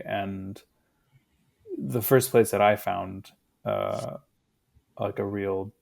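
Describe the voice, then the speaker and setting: A man in his thirties, a guest in a casual conversation, talking in a reflective, unhurried way with fillers. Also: fairly low pitch, creaky, darkish tone.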